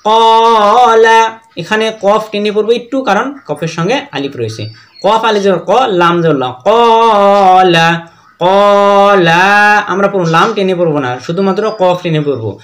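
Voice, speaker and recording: Speaking in a high-pitched, expressive voice with a Bangladeshi Bengali accent, this teacher guides students through Quran reading. His method is slow letter-by-letter spelling of words paired with sung recitation of the verses.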